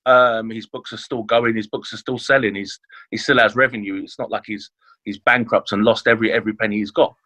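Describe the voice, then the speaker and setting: A chef on a podcast chats casually about his career in an interview, using many fillers and restarts. Born in Leeds and raised in London, he has a fairly low, steady voice that comes across brisk, bright and forceful.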